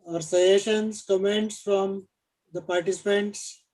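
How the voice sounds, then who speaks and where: A man's voice: sits high, steady tone, measured pace, darkish tone, low-quality recording. A man informally moderating an online conference session and adding comments.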